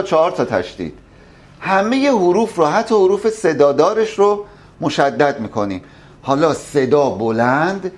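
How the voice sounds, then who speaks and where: Animated man coaching an audience. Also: mid-range voice. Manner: animated, emphatic, addresses audience directly. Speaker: public speaking instructor. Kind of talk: live workshop teaching.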